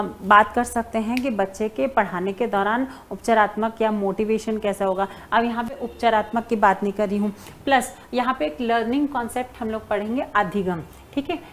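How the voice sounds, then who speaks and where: A woman teacher giving an exam-prep lesson, talking to her students fondly as she writes on a board. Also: on the high side. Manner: addresses students as "beta", writing on a board while talking. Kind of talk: online exam-prep lecture.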